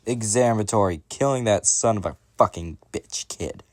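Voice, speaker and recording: A man's voice: fairly low pitch, normal speed. Crude rambling male comedian. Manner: crude, rambling, exaggerated asides. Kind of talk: comic storytelling rant.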